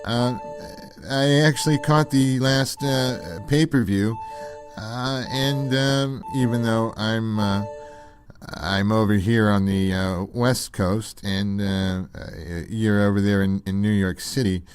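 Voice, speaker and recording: Playing a mild, pretentious pseudo-intellectual co-host on a sketch comedy radio bit, a man speaks slowly in a fairly low voice with faint music behind him. He's deadpan and very hesitant, stammering his way through long-winded, ponderous musings.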